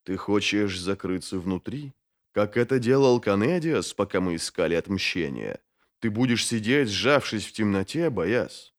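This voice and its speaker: A man doing a hushed, grave old mage. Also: expressive. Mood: doubting. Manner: slow, low, hushed. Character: calm weary old male mage, grave.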